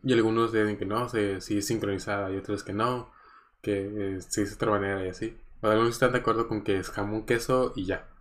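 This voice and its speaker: Speaking fast in a lowish voice with fairly even intonation, this podcast host is a man from Mexico with a Mexican Spanish accent. His solo show is casual and rambling, full of chatty fillers and little chuckles.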